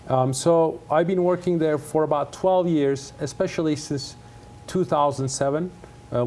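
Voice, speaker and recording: A man's voice: fairly high pitch, darkish tone, a little hiss or hum. A middle-aged man from Turkey, Turkish native speaker, talking earnestly in a TV studio interview as a conservation scientist, with many fillers and restarts. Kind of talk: casual interview talk.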